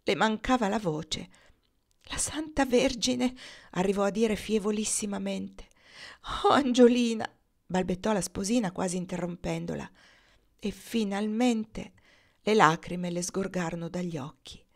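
A woman's voice: medium pitch, steady tone, normal speed, gravelly, darkish tone. A woman reading a classic novel aloud as an audiobook, lifting her voice for the characters' dialogue. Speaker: audiobook reader. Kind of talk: literary audiobook narration.

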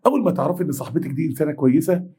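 Rapid-fire Egyptian preacher. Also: male voice, a little high, slightly rough. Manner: animated, acts out dialogue, blunt advice. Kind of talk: mosque lesson.

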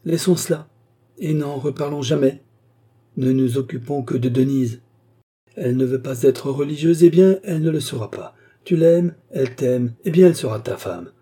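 A man's voice: mid-range voice, normal speed, dark tone, husky, natural voice. A man reading an audiobook, voicing a frail, stubborn and emotional old marquis in a raised voice. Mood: moved. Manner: insistent, emotional.

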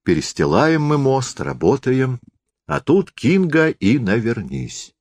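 A man reading a folksy tale aloud in a warm, conversational storytelling manner. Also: medium pitch, very animated, slow pace, no room sound. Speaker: reader.

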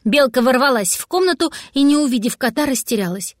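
A woman reading a children's audiobook with lively expression. Her voice is a little high, and the recording is dry and close. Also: fairly quick, dry recording. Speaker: narrator. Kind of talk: audiobook narration.

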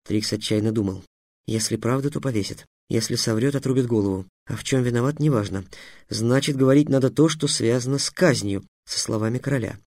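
A man narrating an audiobook in an expressive storytelling manner. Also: mid-range voice, brisk, dry recording, clean studio sound. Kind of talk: scripted narration.

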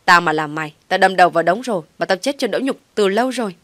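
A woman's voice: medium pitch, animated, fast talker, a bit bright, no room sound, close to an everyday voice. A woman voicing a stern contemptuous older brother. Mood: contemptuous anger. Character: angry older brother lecturing his sibling.

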